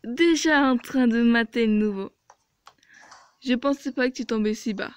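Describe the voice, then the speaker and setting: A woman's voice: a little high, moderate pace, clear, resonant tone, no room sound, close to an everyday voice. A woman voicing a snide teenage mean girl. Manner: mocking, condescending.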